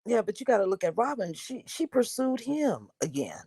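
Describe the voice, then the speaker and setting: Woman, husky, low voice, animated pitch, casual review-panel chat. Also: moderate pace, no room sound, studio quality. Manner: candid, drops into quoted asides, frequent "you know".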